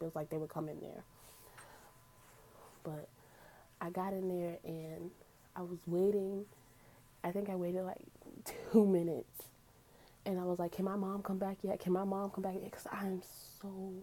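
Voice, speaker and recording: A woman's voice: lowish voice, dark tone, slight background noise, low-quality recording. A young woman telling a personal story in a casual storytime vlog, speaking in a candid, earnest way. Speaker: vlogger.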